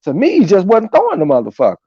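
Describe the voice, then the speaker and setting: A man's voice: sits high, wildly swooping pitch, fast, dark tone, breathy edge, no room sound. A man hosting a live boxing stream in a casual, slangy and profane way, chatting through fight opinions and reading viewer comments aloud. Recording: dull lo-fi audio.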